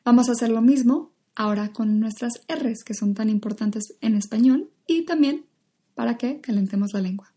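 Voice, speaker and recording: A woman, an acting teacher leading a guided vocal warm-up, patiently drilling exaggerated syllables. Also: on the high side, moderate pace, husky.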